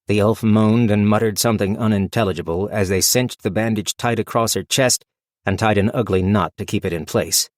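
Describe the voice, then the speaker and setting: A man reading a fantasy audiobook as narrator in a steady, measured storytelling manner. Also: fairly low pitch, no echo, clean studio sound. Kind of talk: scripted narration.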